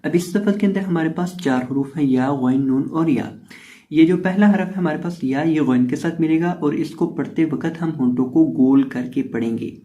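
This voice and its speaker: A man with a fairly high but mellow, warm voice gives a step-by-step recitation lesson. He explains each pronunciation rule patiently and then draws out the syllables slowly. The recording sounds slightly muffled and lo-fi. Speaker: Quran reading teacher.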